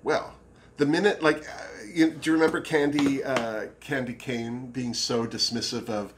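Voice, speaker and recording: A man in a casual review chat, talking in a campy drag queen manner with drawn-out emphasis. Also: medium pitch, fairly even intonation, a little hiss or hum. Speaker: drag show review co-host.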